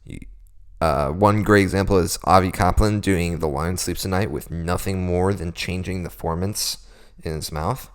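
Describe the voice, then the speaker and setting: A man's voice: deep voice, moderate pace, smooth. A young man hosting a casual beatboxing tutorial, explaining vocal techniques in a laid-back, self-deprecating way.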